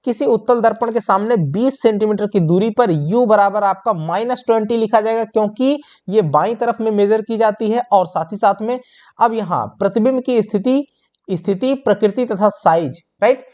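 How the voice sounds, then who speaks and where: The audio is dull, and the man's voice sits high and is a little mellow, at a moderate pace. He's teaching a board lesson to get tenth graders ready for a science exam, calling them children and supplying his own answers to the questions he raises at each step.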